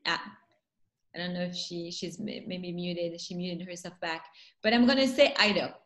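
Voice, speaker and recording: A woman with a French accent, a festival founder introducing guests on a video call, talking with many pauses and fillers. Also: on the low side, fairly even intonation, poor audio. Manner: hesitant, many fillers, warm welcoming. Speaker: festival founder hosting a panel.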